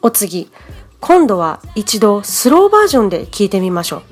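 A woman's voice: medium pitch, sing-song, a little fast, soft background music. A woman from Japan hosting a podcast English lesson, explaining in a friendly, chatty way. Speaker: English teacher, podcast host.

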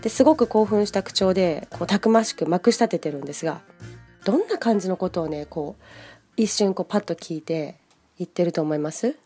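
A woman's voice: on the low side, brisk, dark tone, husky, faint music behind. A woman hosting a casual language-learning podcast, talking in a chatty, upbeat way and laughing easily. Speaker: podcast host and English teacher.

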